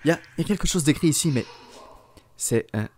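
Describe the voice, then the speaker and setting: A man voicing a scrappy, wary young male street thief in amateur animated film dubbing. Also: on the high side, brisk, a little hiss or hum, voice pushed up, natural voice. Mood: indignant, puzzled.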